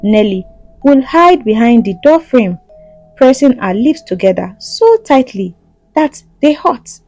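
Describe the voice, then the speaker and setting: A woman's voice: fairly high pitch, very animated, measured pace, darkish tone, dry recording, faint music behind, low-quality recording. A woman storyteller reading a scripted tale with a rhythmic, dramatic delivery and repeated phrases.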